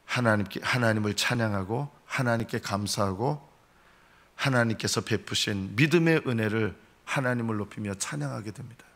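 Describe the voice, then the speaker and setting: A male pastor preaching a sermon at a dawn prayer meeting. He swings between raised, pleading voices and low, quiet solemn lines. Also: moderate pace. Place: church sanctuary.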